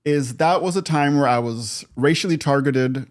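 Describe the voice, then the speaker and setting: A man's voice: mid-range voice, normal speed. A man in his fifties from Canada, a podcast guest recounting his life in a reflective, conversational way, often laughing. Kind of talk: personal storytelling in conversation.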